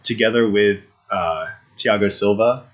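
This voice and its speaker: A man's voice: lowish voice, unhurried, a bit bright. A man co-hosting a casual football podcast, talking eagerly with many restarts and repeated points. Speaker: podcast co-host. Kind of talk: casual sports chat. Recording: dull lo-fi podcast audio.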